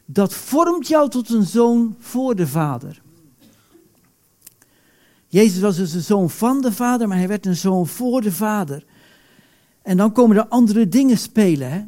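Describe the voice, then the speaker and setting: A man preaching a sermon, animated, acting out quoted prayers with sudden loud outbursts. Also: high voice.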